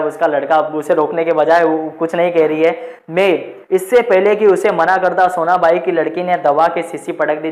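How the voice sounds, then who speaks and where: A teacher reading a textbook story aloud, repeating each sentence and explaining it in simpler words while talking to the listeners as friends. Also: mid-range voice. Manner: rereads each sentence, then restates it in plainer words; addresses listeners as friends, with frequent "let's move on" prompts.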